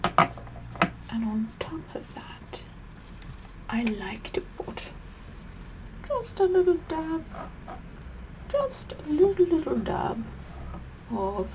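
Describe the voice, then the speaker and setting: A woman's voice: high-pitched, big pitch swings, extremely slow, long pauses, noisy background, exaggerated voice. A middle-aged woman playing a sassy, vain, condescending Queen Elizabeth the First in a whispered ASMR roleplay, repeating her words imperiously. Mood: vain, mock-sweet. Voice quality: breathy whispering mixed with soft speech.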